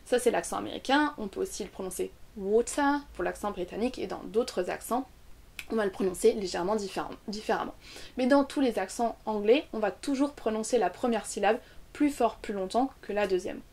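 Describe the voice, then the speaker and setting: A young French woman's medium-pitched, a little mellow voice carries an online English pronunciation lesson, with clear explanations and slowly spoken example words.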